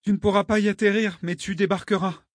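A melancholy, quietly mischievous young woman speaks in riddles, her voice lifted high above the reader's own, as a man reads her part. The audiobook sound is dry and close. She stays soft and sad. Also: fairly even intonation, fast talker, no room sound. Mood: instructing. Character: young woman, wistful, gently mischievous guide. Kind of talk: audiobook character reading.

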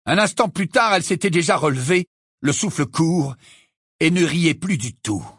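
An audiobook narrator reading a fantasy tale with dramatic, expressive delivery. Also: mid-range voice, normal speed, husky, no echo, studio quality. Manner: expressive, lively storytelling.

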